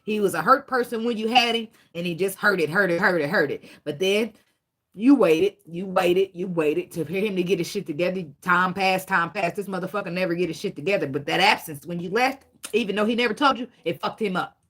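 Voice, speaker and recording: A woman giving a casual tarot reading, talking bluntly with lots of profanity, preachy and animated, and fighting back tears as she speaks. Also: lowish voice, a little fast. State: tearful, fighting back emotion. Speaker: tarot reader.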